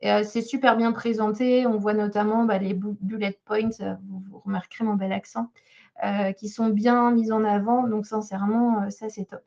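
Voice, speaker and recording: A woman's voice: medium pitch, little pitch movement, normal speed, gravelly, darkish tone. Hesitant French woman job coach, lo-fi. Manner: hesitant, many fillers and restarts. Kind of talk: webinar talk reviewing a CV. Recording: slightly dull lo-fi sound.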